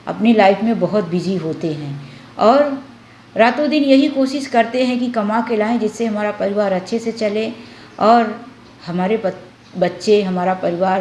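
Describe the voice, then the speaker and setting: A woman's voice: mid-range voice, a little mellow. A woman vlogger giving marriage advice, lecturing viewers directly and acting out family quarrels. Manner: preachy, addresses viewers directly as sisters and friends. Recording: echoey room with faint background noise.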